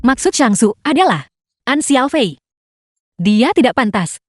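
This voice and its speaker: A woman's voice: on the high side, big pitch swings, measured pace, a little hiss or hum. A woman dubbing a confident young heiress in a drama, speaking coolly and firmly. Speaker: dub actress. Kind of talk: dubbed drama acting.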